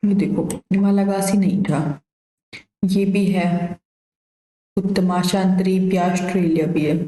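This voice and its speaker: A woman's voice: medium pitch, steady tone, a little slow, warm tone, roomy sound, low-quality recording. A woman teacher going through exam questions one by one, explaining the answers casually and giving memory tricks. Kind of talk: exam revision lesson.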